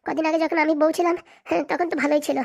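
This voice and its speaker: Jilted cartoon wife, voiced by a woman, young, high, very fast, insistent, complaining. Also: fairly even intonation, vocal fry, darkish tone. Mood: aggrieved.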